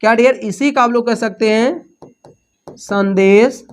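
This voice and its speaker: A woman's voice: fairly high pitch, measured pace, clean tone. A woman teaching English vocabulary for exam prep, with repetitive call-and-response questions, switching between Hindi and English.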